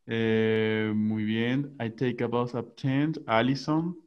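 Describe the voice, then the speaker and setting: A man's voice: medium pitch, fairly even intonation, clear, resonant tone. Man teaching English over a dull call line. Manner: switches between slow English examples and quick Spanish explanations. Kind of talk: online class.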